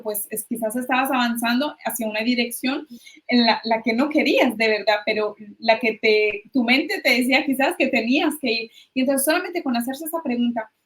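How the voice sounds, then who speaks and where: A woman guest expert explaining ideas in a conversational interview, with hesitant restarts. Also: on the high side.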